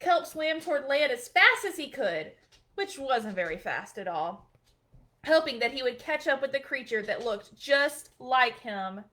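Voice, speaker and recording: A children's librarian, a woman with a high-pitched voice, reads a picture book aloud at bedtime a little slowly. Her storytelling is gentle and expressive.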